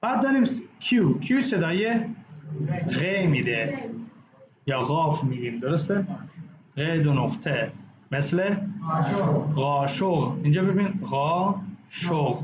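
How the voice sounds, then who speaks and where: A male English teacher giving a classroom lesson, drilling words slowly and repeating each one several times. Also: on the high side, very animated. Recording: echoey, dull, noisy classroom recording.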